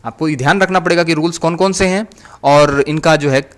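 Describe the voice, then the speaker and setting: A man's voice: on the high side, fairly quick. A man giving an English grammar lecture in Hindi, repeating each point and answering his own questions. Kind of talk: recorded online lecture.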